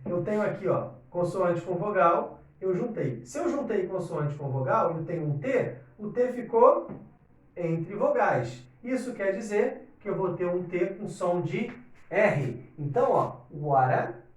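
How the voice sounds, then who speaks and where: Man, English teacher, native Portuguese speaker, high lively voice, explains step by step, roomy sound from a distance. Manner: animated, explains step by step, checks in with "ok?". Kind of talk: online English lesson. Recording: echoey room, distant from mic.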